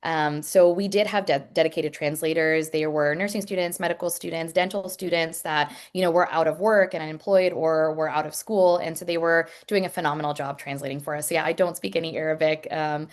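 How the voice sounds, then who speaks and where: A woman of Pakistani heritage with a lower, steady voice speaks frankly about her work as an emergency room nurse. Answering questions over a video call, she's earnest and unpolished, often pausing on ums and restarting sentences.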